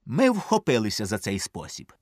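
Lively man reading a comic tale. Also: on the low side, normal speed, no echo, clean studio sound. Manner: lively, wry comic storytelling. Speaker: storyteller. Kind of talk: reading a humorous story aloud.

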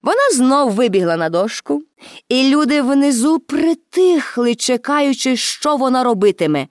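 A woman narrating a children's story aloud, expressive and with dramatic pauses. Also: high voice, no room sound, studio quality.

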